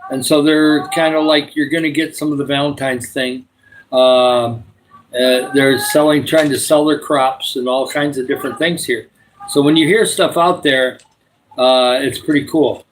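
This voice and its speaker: A man's voice: medium pitch, steady tone, unhurried. A man in his sixties hosting a live stream, chatting in a rambling, meandering way with viewers and praying for them. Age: 60s. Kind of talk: casual live-stream chat and prayer.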